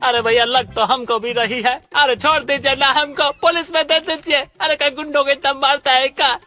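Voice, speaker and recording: A man's voice: very high voice, steady tone, a little fast, sharp tone, faint music behind. A man voicing a dim-witted goon sidekick in a cartoon who complains rustically about his boss. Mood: whining. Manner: whiny and rustic. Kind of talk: cartoon voice acting.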